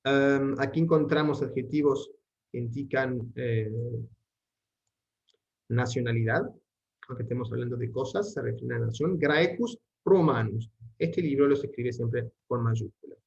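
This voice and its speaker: A man giving an online Latin lesson, explaining grammar patiently and reading Latin sentences aloud slowly. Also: mid-range voice, creaky, darkish tone, lo-fi sound. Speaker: Latin teacher.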